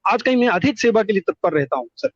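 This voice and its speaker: Expressive and high-pitched, a middle-aged man talks fast while giving earnest, wordy personal testimony as a call-in guest, repeating words for emphasis. The phone recording is dull and lo-fi, with no echo.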